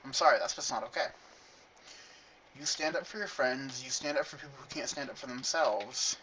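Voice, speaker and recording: A man's voice: medium pitch, a little fast, pushed and bright. A young man with a lisp, vlogging in a rambling, earnest way with self-mocking asides, from a room at his gaming computer. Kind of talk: casual confessional monologue. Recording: dull, distant mic with faint hiss.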